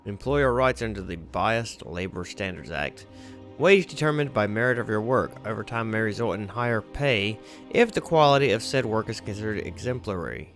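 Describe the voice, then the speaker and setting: A man's voice: fairly low pitch, expressive, moderate pace, a bit bright, soft background music. A man casually commenting while he plays a video game, reading on-screen text aloud with wry asides. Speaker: streamer.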